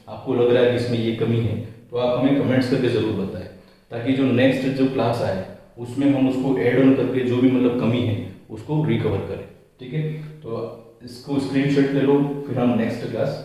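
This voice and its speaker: Heard from afar in a heavily echoing room, this man teaches grammar off slides in a warm, mid-range voice. He moves step by step, restates every rule, and poses questions only to answer them himself.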